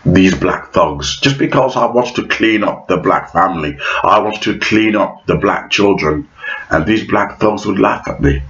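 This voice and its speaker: A man's voice: deep voice, animated, measured pace, a bit bright, highs cut off. A man vlogging a theatrical, mocking monologue to camera.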